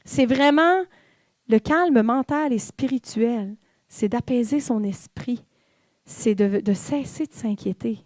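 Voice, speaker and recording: A woman with a Québécois French accent gives a personal testimony sermon at a church in Quebec, candid and confiding as she addresses the congregation directly. Her voice is a little high and a little mellow, and she speaks slowly. The recording is dry.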